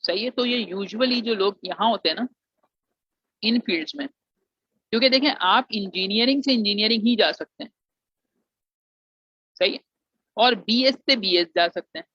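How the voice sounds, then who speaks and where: A man's voice: high-pitched, moderate pace, pauses often, bright, forceful tone, husky, no echo. Man, admission advice lecture, English phrases mixed in, lo-fi dull audio. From Pakistan. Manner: mixes English phrases into Urdu, addresses students as "beta". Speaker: engineering alumnus giving admission advice. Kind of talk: informal explanatory lecture. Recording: dry, muffled lo-fi sound.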